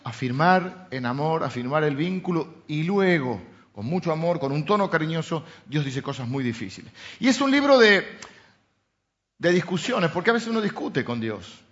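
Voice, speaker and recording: A man with a Rioplatense Spanish accent preaching a sermon as pastor, swinging from loud emphatic lines to soft intimate asides. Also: a little high, lively intonation, moderate pace. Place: church. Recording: slightly dull lo-fi sound.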